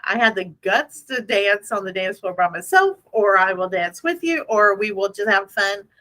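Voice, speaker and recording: A woman hosting a casual motivational business chat in an animated, playful, self-deprecating way, repeating phrases for emphasis. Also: medium pitch, normal speed. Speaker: host.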